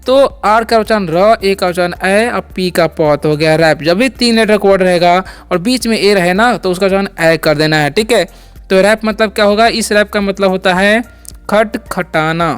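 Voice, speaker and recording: High, clear-voiced male language teacher. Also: moderate pace, soft background music. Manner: repeats each word and quizzes the listener. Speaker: English teacher. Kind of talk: spoken language lesson.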